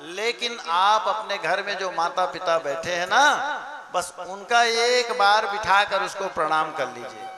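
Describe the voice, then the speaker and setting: A man preaching a devotional sermon at a village religious gathering, telling stories in an animated way, chuckling and leading the crowd in call-and-response. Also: high-pitched. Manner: animated storytelling, chuckling, chanting verses. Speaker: Bhagavat katha preacher. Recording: music playing behind the voice.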